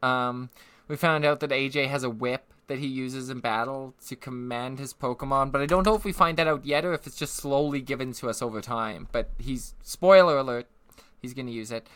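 A man co-hosting a podcast, recapping an episode in loose, chatty fashion with frequent fillers and laughter. His voice is bright, smooth and fairly high, and it sounds close and dry on a headset mic. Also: brisk, no echo. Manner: laughs often, animated, filler-heavy. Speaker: podcast co-host. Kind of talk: casual recap chat.

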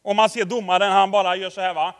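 Male preacher, high-pitched, talks to the congregation like a friend, church-hall echo. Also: flat delivery, very noisy. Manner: chatty, with constant tag questions to the congregation; anecdotal storytelling, addressing the audience directly. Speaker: pastor. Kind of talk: conversational sermon.

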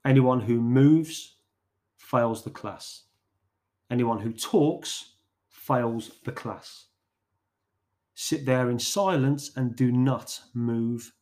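A man's voice: medium pitch, lightly acted. A man playing a stern barking biology teacher. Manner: slow, loud, clipped commands.

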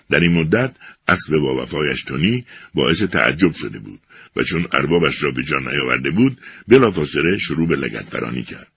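An older man narrating an audiobook in an expressive storytelling manner. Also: a bass voice, creaky, slightly rough.

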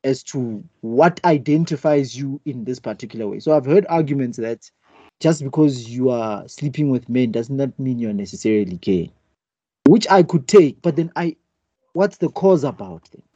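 A man's voice: medium pitch, lively intonation, normal speed, dark tone, dry recording, lo-fi sound. A man in a casual debate, hesitant and searching for words as he argues a point.

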